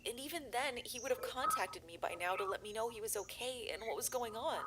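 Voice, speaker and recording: A woman voices a worried young videographer hunting for her missing brother in an analog horror audio drama. She speaks earnestly and rambles, her fairly high, brisk voice sounding close to everyday speech, with crowd noise behind her.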